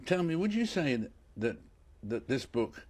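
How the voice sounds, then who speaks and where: A man's voice: mid-range voice, sing-song, unhurried, darkish tone, slightly rough. A male interviewer who introduces his guest and asks long questions, often repeating words as he frames them. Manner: hesitant, repeats words while framing questions. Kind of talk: broadcast interview.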